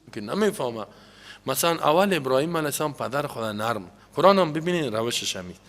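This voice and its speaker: A man with a Tajik accent giving a religious lesson, explaining quoted Arabic texts in an animated way. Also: mid-range voice, big-room sound. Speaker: religious teacher. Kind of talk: hadith lesson.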